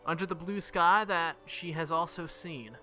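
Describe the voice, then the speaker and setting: During a game playthrough, this let's play host reads the visual novel's story with drama, reacts casually, and now and then stumbles on a word. His voice is a little high and his pace measured, and loud game music plays behind him.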